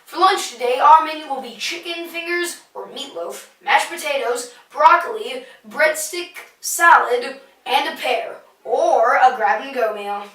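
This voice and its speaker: A woman's voice: high-pitched, unhurried, a bit bright. A young female student reading scripted school announcements in the manner of an intercom broadcast. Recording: echoey, distant school intercom sound, music behind.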